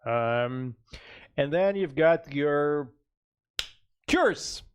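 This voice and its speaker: A man's voice: fairly high pitch, lively intonation, drawn-out words, clear, resonant tone. A sleep-deprived man, a game developer, explaining game mechanics step by step in a casual livestream, with joking asides.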